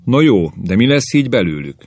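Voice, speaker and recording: A man's voice: on the low side, very animated, darkish tone, breathy edge, no room sound, heavily acted. A man voicing a grumbling old caveman grandfather who rants and complains about the young, in a story reading. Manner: querulous ranting.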